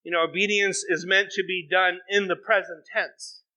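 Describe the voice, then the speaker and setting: A middle-aged male pastor preaching in a church, his voice high and very bright, almost sharp. He is animated and slips into quoted voices as he talks. The recording sounds dull and lo-fi. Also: moderate pace. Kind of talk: sermon. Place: church sanctuary.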